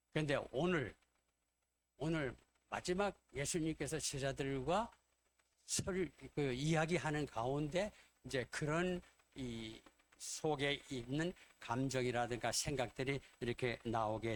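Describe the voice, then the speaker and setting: Male pastor, sermon, storytelling delivery, mid pitch, faint noise behind. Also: unhurried. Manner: storytelling, acting out quoted dialogue.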